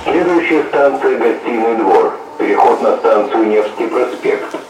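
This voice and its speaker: A man gives calm, official station announcements over a metro train's intercom loudspeaker. His voice sounds distant and rings with echo inside the train car. Loud music plays over the recording. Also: mid-range voice, a little slow. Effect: heard over a train intercom loudspeaker.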